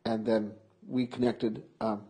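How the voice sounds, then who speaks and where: A man close to sixty with a Minnesotan accent talks in a husky, slightly breathy voice. He tells his stories with animation and frequent laughter, in a relaxed conversation recorded for an oral history interview. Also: lowish voice, measured pace, rough recording. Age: 50s. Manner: lively, laughs often, animated storytelling. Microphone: close interview mic.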